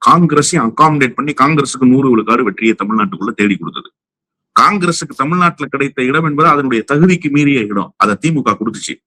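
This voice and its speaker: Tamil-accented male pundit, combative, rhetorical barrage, bright forceful voice, dry close sound. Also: medium pitch, animated, fast talker, no echo. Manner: combative, fires rhetorical questions. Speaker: political commentator guest. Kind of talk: heated political commentary.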